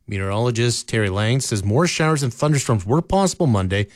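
Dry steady male news anchor. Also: medium pitch, no room sound. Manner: steady measured news delivery. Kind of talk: scripted local newscast. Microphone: close studio mic, dry.

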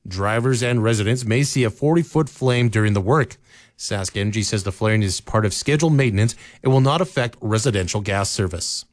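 A man reading a local radio newscast as the anchor, in a steady, measured delivery. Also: lowish voice, no echo, clean studio sound. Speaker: news anchor. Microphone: close studio mic, dry.

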